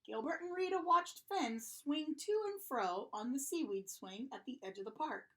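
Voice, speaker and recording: Lively woman reading a children's story. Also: sits high, normal speed. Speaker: storybook reader. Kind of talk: children's story read-aloud.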